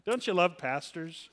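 A man's voice: high voice, a bit bright. A man serving as pastor, leading an informal Bible study, chatty and self-deprecating, often asking his class questions. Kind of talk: informal Bible study teaching with scripture reading. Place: church room. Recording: long hall reverb.

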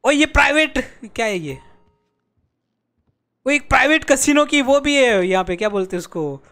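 A young man with a strikingly high voice streams a game and chats live to his viewers. He jokes around, exclaims, and pleads in playful mock despair. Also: lively intonation, moderate pace, fairly bright tone. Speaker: gaming streamer.

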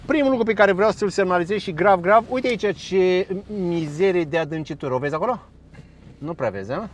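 A man giving chatty, sarcastic commentary straight to his viewers while standing beside a busy road. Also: sits high. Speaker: local vlogger. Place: roadside by a busy road, outdoors. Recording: faint outdoor traffic noise. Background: passing traffic and trucks.

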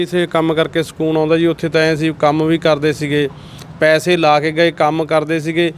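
A man speaks outdoors in a slightly high voice, with faint traffic noise behind him. He is steady and plainspoken, and he keeps returning to his point. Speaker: deported laborer.

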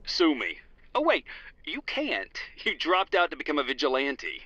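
An actor playing a dry, articulate trial lawyer speaking over a phone call in a video game. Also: male voice, on the high side, wildly swooping pitch, moderate pace, pushed and bright, breathy edge, no room sound, full character voice. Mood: dry, teasing. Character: dry, composed male trial lawyer, old friend. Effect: phone call filter. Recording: dull, band-limited phone call.

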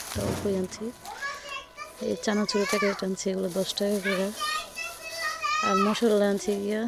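A hoarse young woman chats unhurriedly while she narrates her cooking vlog. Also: mid-range voice. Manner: chatty, unhurried, talks while she works. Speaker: cooking vlogger. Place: home kitchen at the stove, earlier out on the street. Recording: noisy with frying sizzle.

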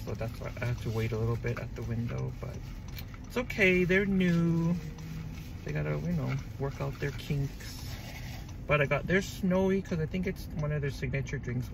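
A man's voice: mid-range voice, vocal fry, background noise. A man vlogging from his car and his home as a flight attendant, talking in a chatty, upbeat, rambling way into a handheld phone. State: out of breath. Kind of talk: casual vlog chat.

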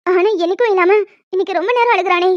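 A woman voicing a young wife and other women of a family in an animated story, with quick, expressive delivery. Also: very high voice, no echo. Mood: emotional chat. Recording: dry, dull lo-fi home mic.

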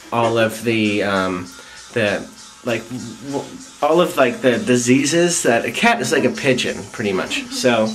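A woman co-hosts a homemade joke cooking show, rambling through her lines with plenty of fillers. She keeps her delivery deadpan while she jokes. Faint music plays in the background. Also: extremely low pitch. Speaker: co-host of home comedy video. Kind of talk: joking improvised cooking show.

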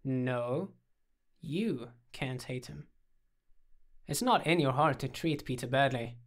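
A man's voice: mid-range voice, takes it slowly. Brief: teasing, theatrical young man, coaxing and playful, read by a man. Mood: earnest.

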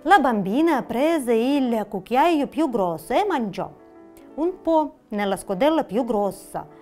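A woman reading a fairy tale for children aloud, whose first language is Russian, with a slow, expressive storybook delivery and faint music behind. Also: on the high side.

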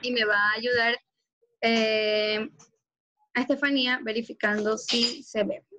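A woman teacher from Ecuador giving an online class and explaining slowly with worked examples. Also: a little high, fairly even intonation, sharp tone. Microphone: video call.

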